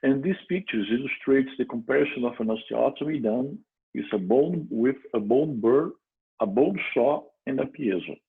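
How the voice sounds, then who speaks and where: A man from Brazil with a Brazilian Portuguese accent gives a clinical lecture as a dental surgeon, often restarting and pausing mid-phrase. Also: mid-range voice, gravelly, husky. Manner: halting, frequent restarts and fillers. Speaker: dental surgeon presenting a case. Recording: tinny phone-like audio.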